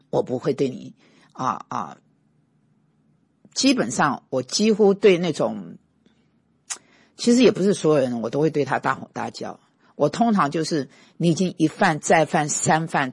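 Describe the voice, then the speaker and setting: Gravelly, husky male pastor. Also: a little high, dry recording, clean studio sound. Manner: emphatic storyteller, bursts of scolding force. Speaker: pastor and teacher. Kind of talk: conversational sermon with personal stories.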